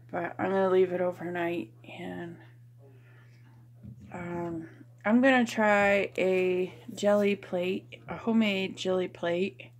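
A woman chatting casually while she does a craft project at home, rambling with lots of fillers and restarts. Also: fairly low pitch. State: out of breath. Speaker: craft vlogger.

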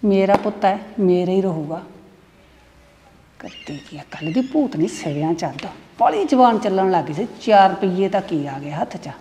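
A woman's voice: medium pitch, lively intonation, moderate pace, mellow, long reverb tail, a little hiss or hum, close to an everyday voice. A woman playing a scheming village mother. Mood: spiteful. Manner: pleading with her son, then muttering spitefully. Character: scheming village mother, sharp-tongued and bitter. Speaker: mother-in-law.

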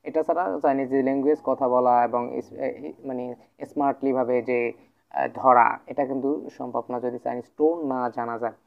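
A man's voice: fairly even intonation, moderate pace, creaky. A man teaching Mandarin words, drilling the same words over and over in a repetitive classroom manner. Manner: repetitive drilling of words, frequent filler 'thik ache'. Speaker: language teacher. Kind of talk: explaining Mandarin words in Bengali. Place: at a whiteboard, indoors. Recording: phone-like low-quality audio.

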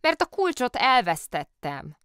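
A woman's voice: fairly high pitch, big pitch swings, a bit bright, clean tone, no room sound, clean studio sound, pitched above the performer's own voice. A woman voicing a cheeky, good-natured male bear who dresses as a policeman, explaining himself with easygoing, innocent excuses. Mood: cheerfully innocent. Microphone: studio microphone.

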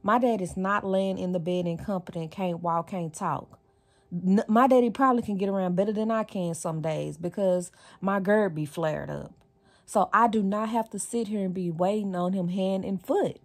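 A woman's voice: medium pitch, normal speed. A woman, vlogging from her car and venting to her viewers in a frustrated, direct way. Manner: frustrated, venting straight to camera. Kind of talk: casual vlog talk. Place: parked car, dark at first then daylight. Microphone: phone camera on the dashboard.

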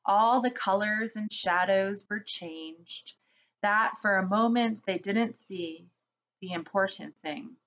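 Brief: unhurried woman storyteller reading to kids, soft asides, muffled audio. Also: medium pitch. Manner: slow, gentle, with asides to children. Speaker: children's story reader for a church. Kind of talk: reading a children's book aloud.

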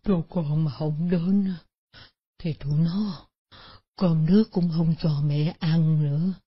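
A frail, bedridden old mother, put on by a woman narrator, murmuring slowly and plaintively in a low, breathy voice. The sound is dull and lo-fi. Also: fairly even intonation, exaggerated voice.

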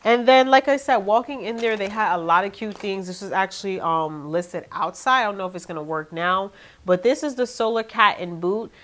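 A young woman vlogger with a nasal, congested voice chats to her viewers about her shopping haul from her living room. Her voice sits in the mid-range and she talks at a normal speed. It's a casual haul video, and she's chatty and animated, addressing viewers directly.

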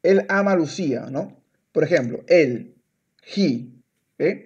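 A man's voice: a little high, animated, slow, darkish tone, slightly rough, highs cut off. A man teaching Spanish one-on-one. He talks patiently, repeats words, and switches to English to explain. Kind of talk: one-on-one language lesson.

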